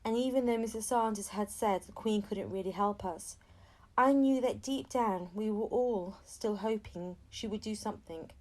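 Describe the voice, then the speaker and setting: A woman narrates a children's story as an audiobook reader, expressive and acting out the dialogue between narration. Her voice is medium-pitched, a little mellow, at normal speed.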